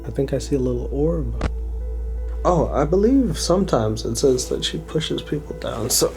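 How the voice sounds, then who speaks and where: A man's voice: medium pitch, lively intonation, normal speed, over music. A man hosting a casual night ghost-hunting vlog, talking jokingly to a supposed ghost. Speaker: vlog host.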